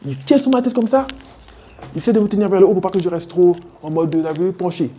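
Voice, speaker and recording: High, mellow-voiced French Guianese man. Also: expressive, quick pace, a little hiss or hum. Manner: street slang, sound effects, addresses listener as brother. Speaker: interviewee. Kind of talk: animated personal storytelling.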